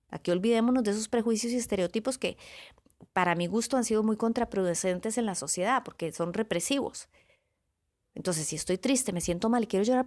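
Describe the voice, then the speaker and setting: A woman motivational speaker giving a calm, reflective podcast talk, listing words one by one with pauses and often checking in with her listeners. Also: mid-range voice. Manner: often checks in with the listener with a soft question tag. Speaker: motivational speaker on self-awareness.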